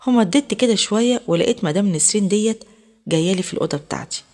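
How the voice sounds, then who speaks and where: A woman's voice: mid-range voice, expressive, racing, a little mellow. A woman with an Egyptian accent telling a first-person story in a chatty, conversational way. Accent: Egyptian Arabic.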